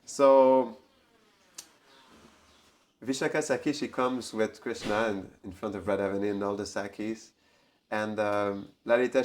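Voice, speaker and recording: A man casually telling a devotional story, halting and repeating words as he goes. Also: on the low side, darkish tone, a little hiss or hum.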